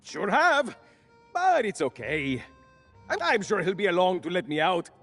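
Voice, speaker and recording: An actor playing a lonely, jittery male prisoner in a video game, raspy and rambling with nervous eagerness. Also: sits high, big pitch swings, unhurried, a bit bright, soft background music, exaggerated voice. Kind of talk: video game character acting.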